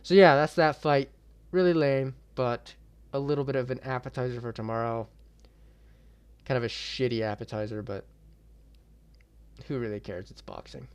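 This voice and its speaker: A man's voice: medium pitch, steady tone, moderate pace, long pauses, clean tone. A young man hosting his own MMA channel, ranting in a heated, profane and blunt way about a boxing match. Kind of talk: ranting reaction vlog.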